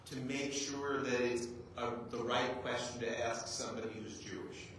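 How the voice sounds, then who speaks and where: A man with a medium-pitched, fairly bright voice speaks at normal speed in a steady tone. He's an American rabbi, native in English, giving a relaxed talk to an audience in a big echoey room, joking at his own expense and peppering in "right?" The distant clip-on mic yields a very reverberant sound with faint noise.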